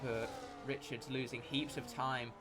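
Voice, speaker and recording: A man giving live motorsport commentary as a race commentator, with an excitable delivery that rises at incidents. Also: medium pitch, measured pace, noisy background.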